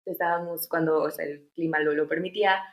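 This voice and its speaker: A woman's voice: deep voice, steady tone, brisk, reverberant. A Mexican woman in her thirties, an interview guest chatting casually about her experiences, with many fillers and restarts. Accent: Mexican Spanish. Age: 30s. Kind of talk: casual storytelling.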